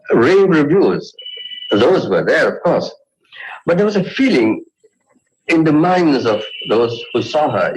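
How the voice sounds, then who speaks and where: A man recalling past events in an interview, speaking thoughtfully and pausing to find his words. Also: mid-range voice, low-quality recording. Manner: thoughtful, searching for words, with pauses. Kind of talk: reminiscing interview.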